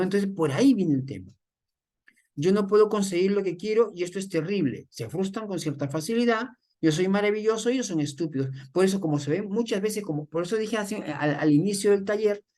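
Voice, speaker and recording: A man's voice: sits high, a little mellow. Male instructor, chatty lecture that acts out quoted examples. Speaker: workshop instructor. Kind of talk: lecture on soft skills. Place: online workshop session.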